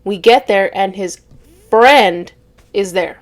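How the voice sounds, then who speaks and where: A woman's voice: medium pitch, slow. A woman reading online stories aloud as a storytime host, breaking in with blunt, sarcastic asides.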